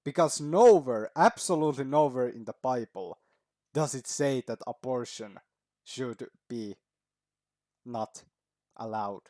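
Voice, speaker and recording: A man's voice: medium pitch, a little slow, pauses often, warm tone, dry recording, clean studio sound. A man hosting a reaction video, speaking casually, swearing often and chuckling at his own remarks.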